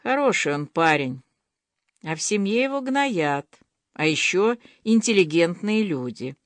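A woman narrating an audiobook in an expressive, storytelling manner. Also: on the low side, a little slow, dry recording.

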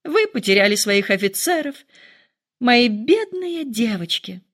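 A woman voicing an excitable, dramatic middle-aged mother who complains in a shrill, lively voice. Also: unhurried, full character voice. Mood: fretful.

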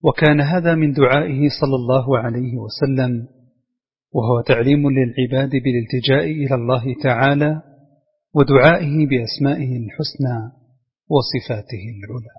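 A man hosting a radio program, reading Quran commentary aloud in a measured, formal way. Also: mid-range voice, breathy edge. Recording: dull lo-fi sound with long reverb.

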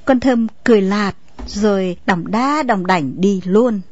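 A woman narrating a story in a steady storytelling manner. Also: mid-range voice, unhurried. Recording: dull lo-fi recording, faint music.

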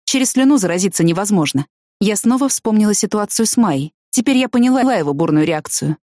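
An audiobook narrator with a mid-range voice reads a first-person novel in an even, measured storytelling tone. The studio recording is clean, with no room sound.

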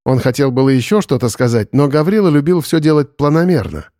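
Guy reading a story out loud, really lively intonation, dry close sound, a bit high. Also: fairly quick, no echo. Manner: expressive storytelling. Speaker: narrator. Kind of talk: scripted audiobook narration.

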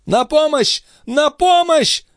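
A man voicing a proud young noblewoman, distraught and furious, crying out in a raised falsetto. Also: animated, fairly quick, no room sound, studio quality, natural voice. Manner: shrieking, sobbing cries in a raised falsetto. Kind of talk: dramatic audiobook reading.

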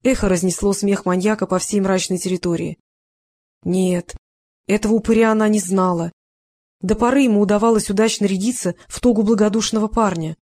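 A woman reads a novel aloud as an audiobook. Her delivery is steady and expressive throughout, with the even pacing of scripted narration. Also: mid-range voice, fairly quick.

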